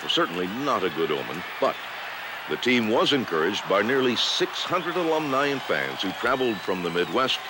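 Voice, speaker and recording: In a sing-song, low-leaning voice at a moderate pace, a man reads a scripted university newsreel like a year-in-review report. A loud music bed plays beneath him amid a noisy background.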